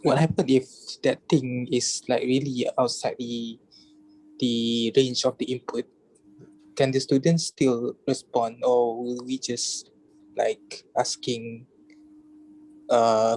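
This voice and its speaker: A young man, a student, asking a question in an online class over a video call, halting with many fillers. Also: medium pitch, little pitch movement, a little mellow, rough recording.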